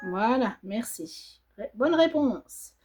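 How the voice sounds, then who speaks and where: Slow-talking woman musing through a quiz. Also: on the high side, lively intonation, darkish tone, breathy edge, soft background music. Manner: reads options aloud, muses, hesitates; stitching while talking. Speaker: embroidery vlogger. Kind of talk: casual quiz while stitching.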